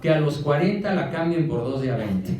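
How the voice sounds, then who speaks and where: A man's voice: on the high side, very animated, moderate pace, background noise. Emphatic Mexican man lecturing in echoey room. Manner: emphatic, fires rhetorical questions. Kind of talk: motivational lecture to an audience. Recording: echoey room from a distant mic.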